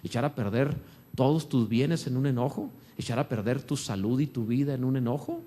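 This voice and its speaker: A man preaching a sermon as pastor, swinging between loud emphatic lines and hushed ones. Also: mid-range voice, normal speed.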